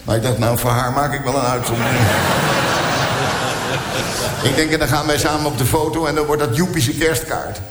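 A man's voice: mid-range voice, steady tone, fairly quick, long pauses, heavy background noise. A man doing live stand-up storytelling, rambling with stammered repeats and crude punchlines. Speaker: stand-up comedian. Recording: echoey hall, loud audience laughter.

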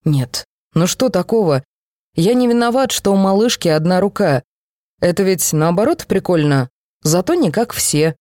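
A woman's voice: fairly low pitch, lively intonation, moderate pace, a little mellow, dry recording, clean studio sound, lightly acted. A woman doing a sarcastic, mocking young man. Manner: sarcastic, teasing.

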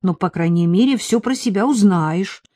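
A frank, excitable schoolgirl in a storybook, put on by a woman narrating an audiobook. She talks bluntly and perks up at any hint of adventure. The voice is warm and a little husky, recorded close and dry. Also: medium pitch, moderate pace, no echo, lightly acted.

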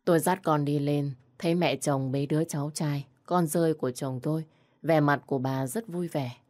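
A woman with a low voice narrates a sad family story in a steady, somber reading. The recording is dry and close to the mic. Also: normal speed, no room sound.

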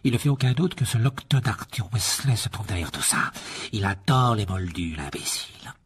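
A man doing a storybook aristocrat, a wizard father who is cold, haughty and sure of his own rank. He talks in a clipped, condescending way with a slightly husky voice. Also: on the low side, expressive, moderate pace.

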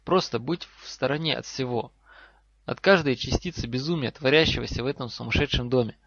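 Мужчина читает за встревоженного отца-профессора, говорит взвешенно и наставительно; запись сухая, немного глуховатая. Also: male voice, medium pitch, brisk, fairly bright tone, no room sound. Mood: urgent. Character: worried professor father, earnest and firm. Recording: slightly dull lo-fi recording.

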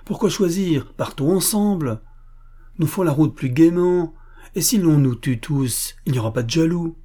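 Brief: man reading an eager boyish nobleman in a storybook, pitched high. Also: expressive, moderate pace, dark tone, slightly rough. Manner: eager, impetuous. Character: very young, impulsive male gentleman.

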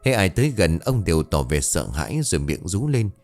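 Deep voiced guy reading a spooky story, lots of rise and fall, faint music under it. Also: sing-song, a little fast, a little mellow. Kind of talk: ghost story narration.

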